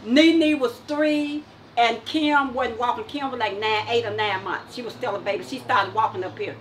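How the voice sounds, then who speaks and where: A woman's voice: fairly high pitch, normal speed, slight background noise. An older woman from Tennessee with a Southern country accent, chatting with her grandson in her kitchen and laughing often. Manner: laughs often, warm drawl, exclaims to the Lord. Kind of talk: casual family chat. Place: home kitchen.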